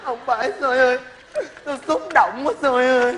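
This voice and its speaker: A man's voice: extremely high pitch, fairly even intonation, very fast, vocal fry, bright, forceful tone, faint music behind, a faint crowd, exaggerated voice. A man playing an emotional young friend who chides his companion in a comedy skit. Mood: sentimental. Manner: chiding, then overly sentimental. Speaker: skit actor. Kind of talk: Vietnamese comedy skit acting.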